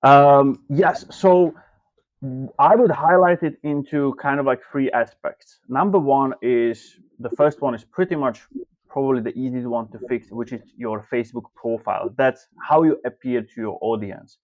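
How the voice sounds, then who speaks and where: A man's voice: medium pitch, moderate pace, no echo. Man, dry, muffled call audio. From Slovakia. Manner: loose, filler-heavy phrasing. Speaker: guest, marketing coach. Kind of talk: interview answers.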